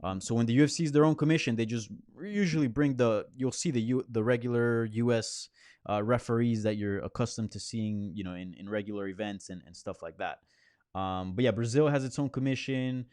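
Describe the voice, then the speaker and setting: A man hosting a live Q&A from his apartment near a hospital answers viewers casually, with plenty of fillers, restarts, and rambling. He has a brisk, mid-range, slightly mellow and clean-toned voice, heard in clean studio sound with no room noise.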